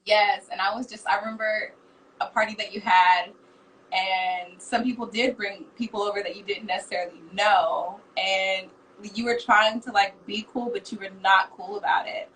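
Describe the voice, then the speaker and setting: A woman's voice: medium pitch, steady tone, moderate pace, a bit bright. A woman guest in a casual chat, talking hesitantly and searching for words. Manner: hesitant, many fillers and restarts. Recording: distant mic with faint background noise.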